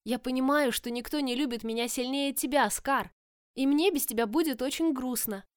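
A woman's voice: high voice, normal speed, clean tone, no echo, studio quality, voice pushed up, natural voice. Tella, a woman voicing a headstrong young sister. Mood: insistent.

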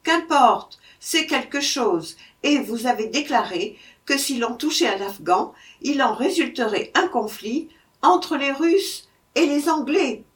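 A woman's voice: high-pitched, expressive, slow, distant mic. A woman reading the part of a curious, pushy male inspector who keeps pressing with questions, recorded slightly off-mic. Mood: insistent. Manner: insistent questioning.

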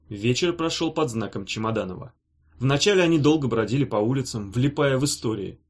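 A man reading a novel aloud in an even, measured narration. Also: mid-range voice. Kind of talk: scripted narration.

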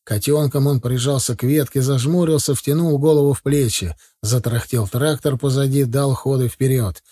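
A man narrating a first-person audiobook in a steady, plain storytelling manner. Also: mid-range voice, normal speed, husky, dry recording, studio quality.

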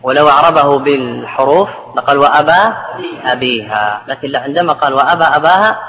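A man's voice: medium pitch, fairly bright tone. A man teaching a grammar lesson, explaining step by step, repeating word forms and quizzing his students. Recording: reverberant hall, faint background noise.

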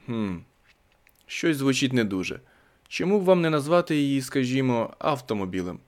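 A man voicing a patronizing, wealthy businessman in an audiobook, speaking in measured tones. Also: mid-range voice, sing-song, natural voice.

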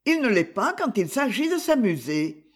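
A man's voice: very high-pitched, big pitch swings, moderate pace, pitched above the performer's own voice, exaggerated voice. Man putting on a pleading young bride. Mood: worried.

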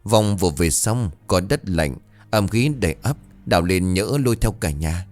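A man's voice: sits low, expressive, moderate pace, faint music behind. Man voicing a panicked older wife. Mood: alarmed. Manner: alarmed, wailing.

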